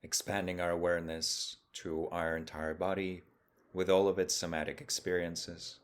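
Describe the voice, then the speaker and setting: A low-voiced male teacher guides a meditation, his delivery calm and measured in brief phrases separated by long silences.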